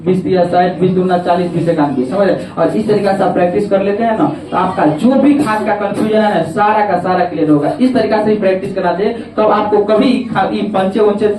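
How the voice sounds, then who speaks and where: A man's voice: sits high, a little fast, hardly any pauses, a little mellow, a little hiss or hum. A male teacher, giving a classroom math lesson and often checking that students understand. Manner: coaxing, repeats checks on understanding. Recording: echoey classroom from far off.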